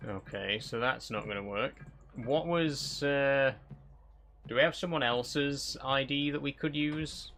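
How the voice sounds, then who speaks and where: A man's voice: medium pitch, a little slow, fairly bright tone, soft background music. A man giving casual live horror game commentary, thinking aloud and puzzling things out with short questions to himself.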